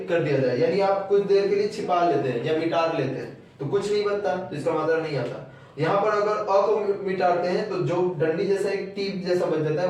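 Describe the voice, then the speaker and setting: A man teaching a grammar lesson, explaining patiently and repeating key terms, slowing down to spell out each sound. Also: high-pitched, darkish tone, slight background noise. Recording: very echoey room, voice from far off.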